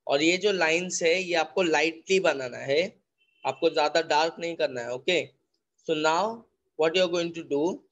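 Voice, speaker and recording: A man's voice: fairly high pitch, a little slow, a bit bright. A man with an Indian accent teaching an online drawing class, explaining step by step and repeating himself, switching between English and Hindi. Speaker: art teacher.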